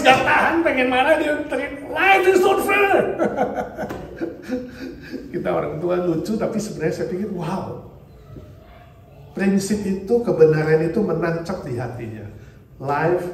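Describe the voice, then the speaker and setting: A middle-aged man preaches with a fairly high voice, alternating loud emphatic lines with hushed low ones. He poses questions to his congregation and answers them himself. The sound is very echoey and distant, with faint room noise behind. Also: sing-song, moderate pace. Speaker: pastor. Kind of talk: sermon. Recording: very echoey hall, heard from a distance.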